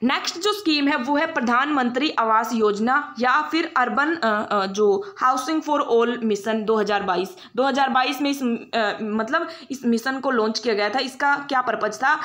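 A young woman with a Haryanvi Hindi accent teaching an exam-prep lecture, explaining patiently, restating points and often pausing with fillers. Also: on the high side, fairly bright tone. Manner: explanatory, repeats herself, frequent fillers and restarts, mixes English terms.

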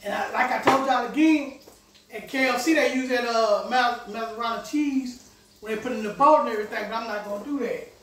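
This middle-aged man hosts a home cooking vlog, easygoing as he talks to himself and his viewers while cooking in his kitchen. His voice is extremely high, slightly fast, and a bit bright. A fixed camera across the room picks him up from far off in the echoey kitchen, with slight background noise and food frying and sizzling.

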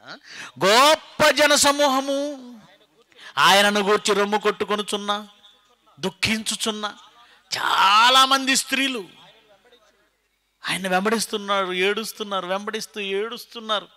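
A middle-aged man preaching a sermon, firing rhetorical questions and swinging from loud exclamations to quiet asides. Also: high voice, a little slow, pauses often.

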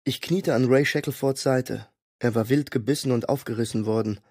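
A man reading a fantasy audiobook in a steady, measured storytelling way. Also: medium pitch, noisy background. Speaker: audiobook narrator. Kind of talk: scripted narration.

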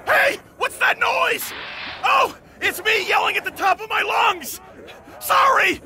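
An actor playing a frantic, jittery game survivor who yells in short bursts, heard as game audio. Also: male voice, sing-song, normal speed, creaky, some chatter behind, heavily acted. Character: frantic jittery man survivor, loud, nervous. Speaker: video game character. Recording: game audio under loud vehicle rumble.

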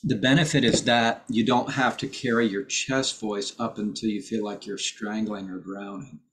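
A man's voice: on the low side, steady tone, normal speed, fairly bright tone, a little hiss or hum. A man leading a choir's voice lesson over a video call, explaining technique patiently and stopping to sing examples. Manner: patient, explanatory, with sung demonstrations. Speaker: choir director and voice teacher. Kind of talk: online rehearsal vocal instruction.

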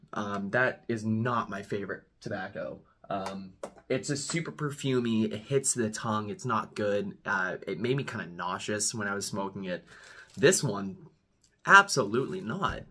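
A man's voice: fairly low pitch, measured pace, bright, forceful tone, slightly rough. A man in his twenties chatting casually to camera as he gives a review, laid-back, rambling and slangy. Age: 20s. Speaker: pipe tobacco reviewer, video host. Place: small room at home.

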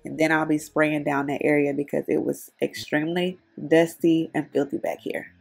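A woman's voice: low-pitched, little pitch movement, moderate pace, creaky, soft background music. A woman, chatting to viewers in a voice-over as she cleans her home. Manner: chatty, addresses viewers as y'all. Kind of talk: casual voice-over narration.

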